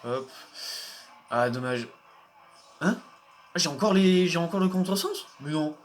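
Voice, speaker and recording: A man's voice: on the high side, lively intonation, a little slow. A man giving casual, hesitant commentary while playing a racing game, often restarting his sentences and chuckling. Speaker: gaming video host.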